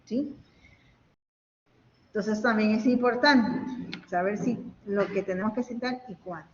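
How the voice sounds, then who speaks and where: A woman's voice: medium pitch, a little slow. A woman lecturer giving an online class, explaining step by step and checking in with her students, her voice carrying a hall-like echo. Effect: echoing, hall-like reverb. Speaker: university lecturer. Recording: echoey, dull audio with faint hiss.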